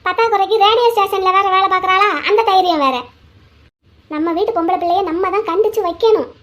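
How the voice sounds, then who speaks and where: A woman's voice: very high-pitched, a little fast, fairly bright tone. A woman voicing a strict, gossipy middle-aged mother in a cartoon. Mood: complaining. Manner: complaining, gossipy.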